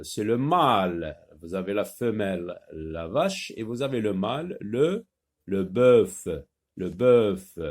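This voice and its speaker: A man teaching a French phonics lesson, saying each word slowly and repeating it with patience. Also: on the low side. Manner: slow, patient, repeats words clearly.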